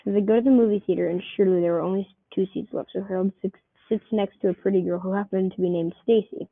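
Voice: mid-range voice, steady tone, quick pace, vocal fry, husky, no room sound. A person reading a homemade comic story aloud, keeping the characters' voices close to their own. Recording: tinny phone-like dry recording.

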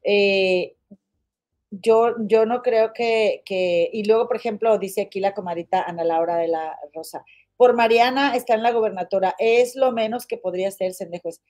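A woman's voice: medium pitch, moderate pace, a little mellow. A woman with a Mexican accent hosting a casual livestream, gossiping bluntly and calling her viewers comadres as she reads their comments. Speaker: livestream host.

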